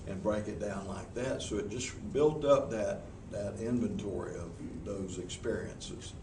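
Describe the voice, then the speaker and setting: His voice is lowish and dark, a little slow, carrying a Southern US accent as he answers interview questions for a group in a meeting room. This professional speaker is folksy and earnest, restarting often. The sound is noisy and echoey, with the mic placed far away.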